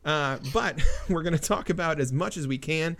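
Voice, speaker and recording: A man's voice: fairly high pitch, normal speed, gravelly, fairly bright tone. Jokey man hosting a comics podcast. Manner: jokey, laughs often, many fillers. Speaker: podcast host. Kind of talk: casual chat.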